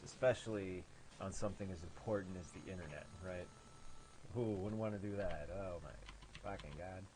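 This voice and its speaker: Low-voiced Midwestern game developer, nasal, sardonic and self-mocking while playing his own game, faint keyboard clicks behind. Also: darkish tone, a little hiss or hum, rough recording. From American Midwest. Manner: sarcastic, profane, self-deprecating. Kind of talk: gameplay commentary.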